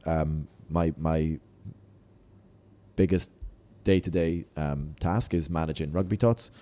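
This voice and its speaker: A man's voice: rumbling low, takes it slowly, mellow. A man hosting a casual chat, talking in an informal, explanatory way. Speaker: podcast and radio show host.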